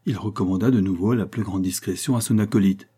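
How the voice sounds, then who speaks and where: Low, husky male storyteller. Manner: measured, even storytelling. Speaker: narrator. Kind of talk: audiobook reading of a short story.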